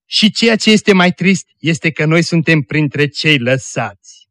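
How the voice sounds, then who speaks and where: A man's voice: on the high side, animated, a bit bright, no echo, clean studio sound. A man doing a despairing, broken brother-in-law. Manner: slow, fading, dejected.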